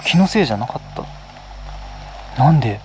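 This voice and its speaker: A man vlogging a night ghost hunt on a mountain, muttering in a hushed, nervous way into a handheld camera, outdoors in the rain. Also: medium pitch, very animated, a little fast, soft background music. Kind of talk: ghost-hunting vlog commentary. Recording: noisy outdoor night recording.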